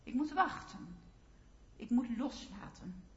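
A woman's voice: fairly high pitch, animated, slow. Ruth, a young widow telling her story, as a woman preacher plays her. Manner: intimate storytelling in first person. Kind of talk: first-person sermon monologue. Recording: roomy, slightly dull sound.

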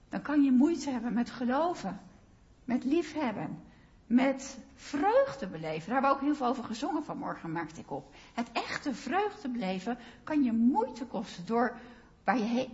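A woman preaching a sermon in a slow, earnest way, pressing on key phrases. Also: high-pitched, muffled recording.

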